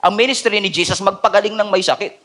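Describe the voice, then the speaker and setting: With a high-pitched voice and a quick pace, a man with a Filipino accent gives a sermon at a church night service. He alternates between Tagalog and English and swings from hushed tones to loud ones.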